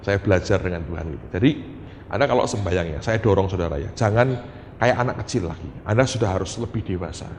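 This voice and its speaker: A middle-aged male pastor, preaching in a lively, conversational way and often turning to the congregation. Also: sits low, fast. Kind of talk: sermon with told prayers and anecdotes. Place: church hall. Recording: reverberant hall, faint room noise.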